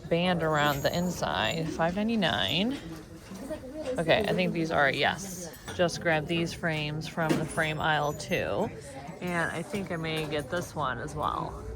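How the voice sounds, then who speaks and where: A woman with a cold who is losing her voice, chatting enthusiastically as she narrates a thrift shopping vlog. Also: low-pitched. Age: young adult to middle-aged. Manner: chatty, enthusiastic about finds. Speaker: vintage reseller and vlogger. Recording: music playing behind the voice.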